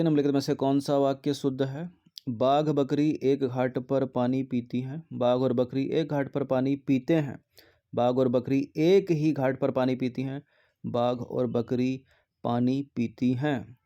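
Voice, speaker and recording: A man with a medium-pitched, dark-toned voice, heard through dull audio, teaches Hindi grammar. He reads out exam questions with their answer options, then methodically explains which one is correct.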